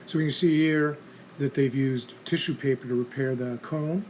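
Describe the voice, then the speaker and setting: The host of a restoration channel gives casual, practical how-to narration in a plain instructional manner. He has a medium-pitched, slightly mellow voice and speaks at normal speed. Clear background noise and ambience can be heard.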